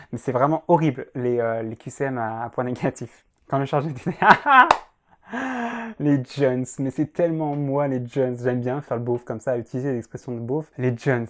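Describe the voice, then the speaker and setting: A man's voice: mid-range voice, a little mellow. Chatty young man reacting to jokes. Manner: chatty, self-mocking, frequent "euh" and "hein". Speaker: law teacher reacting to tweets. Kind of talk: casual commentary.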